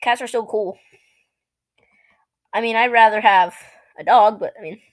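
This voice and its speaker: A woman's voice: fairly high pitch, unhurried. A young woman reading creepy stories aloud and reacting to them, easily startled and given to laughing and shrieking between readings. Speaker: reaction video creator.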